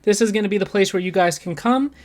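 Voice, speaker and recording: A man's voice: sits high, fast, darkish tone. A man co-hosting a podcast, opening the episode in an easygoing, laid-back way. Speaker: podcast co-host. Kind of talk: casual podcast intro.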